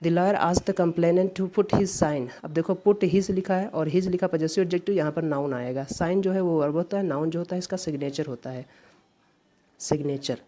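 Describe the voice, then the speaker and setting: A woman's voice: fairly low pitch, moderate pace, warm tone. A woman from India explaining English grammar step by step in an exam-prep lesson, repeating key words. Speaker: English teacher.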